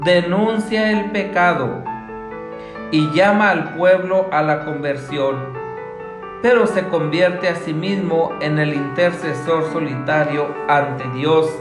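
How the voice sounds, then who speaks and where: A man speaking as a priest, giving a solemn scripture reading and homily in a measured, formal way. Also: fairly high pitch. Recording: echoey room, soft guitar music behind.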